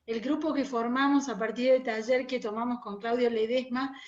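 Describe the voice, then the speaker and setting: A woman from Montevideo, Uruguay, speaks with a Rioplatense accent as a guest and oral storyteller in a casual interview chat. Her voice is fairly high and steady at a normal speed, and she explains things over a muffled, roomy internet call.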